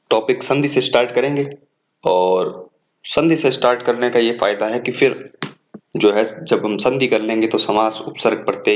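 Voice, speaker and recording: A man's voice: mid-range voice, muffled recording. A man teaching an exam-prep class, reading out words one at a time and correcting the wrong forms. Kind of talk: exam coaching lecture.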